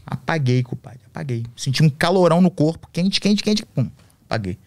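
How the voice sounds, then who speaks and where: A man's voice: on the high side, moderate pace, no room sound. Slangy Brazilian man telling a story. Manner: slangy, profane, animated storyteller. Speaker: podcast guest. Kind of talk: casual storytelling.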